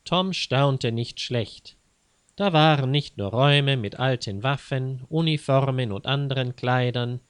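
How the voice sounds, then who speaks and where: A man calmly narrating an audiobook story in a measured way. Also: mid-range voice, clean tone, no room sound.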